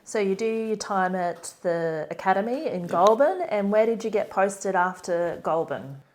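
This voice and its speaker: A woman hosting a podcast, reading a scripted introduction and asking interview questions in a clear, measured way. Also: medium pitch, lively intonation. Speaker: podcast host.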